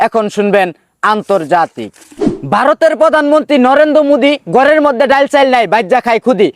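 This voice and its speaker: A man's voice: very high voice, slight background noise. A man playing a bombastic parody news anchor, reading rhyming satire theatrically with a rural Bangladeshi accent. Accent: Bangladeshi rural colloquial. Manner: mock-solemn, rhyming, theatrical announcing. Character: bombastic male parody news anchor of a village comedy channel.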